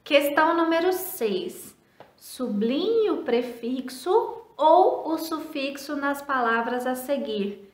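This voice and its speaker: A woman's voice: sits high, animated, slow, roomy sound. A Brazilian woman teacher giving a recorded lesson to children, speaking patiently, spelling out letters and syllables and answering her own questions. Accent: Brazilian Portuguese. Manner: asks questions and answers them herself.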